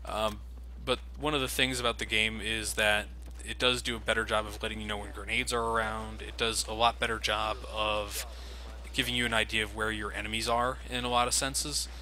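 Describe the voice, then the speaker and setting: A let's play commentator talks over his own gameplay with sarcastic, casual commentary, swearing freely, with game noise underneath. His voice is on the low side, level, fairly quick and sharp in tone.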